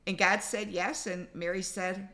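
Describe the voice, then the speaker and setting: Woman host, bright and tense tone, chatty, warmly introduces speakers. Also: mid-range voice, level tone, a little slow. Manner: chatty, enthusiastic. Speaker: conference host. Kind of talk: casual chat.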